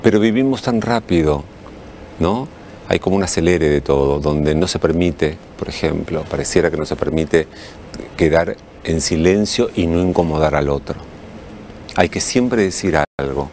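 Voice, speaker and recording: Deep-voiced Argentine interviewer. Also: male voice, moderate pace, a little mellow, a little hiss or hum. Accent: Argentine Spanish. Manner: playful, teasing questions. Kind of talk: casual interview chat.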